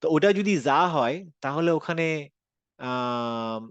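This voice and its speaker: A man's voice: mid-range voice, lively intonation, slow, clean tone, no echo, dull audio. A man with a Bangladeshi Bengali accent, teaching an online Quran reading class and patiently explaining with English phrases mixed into his Bengali.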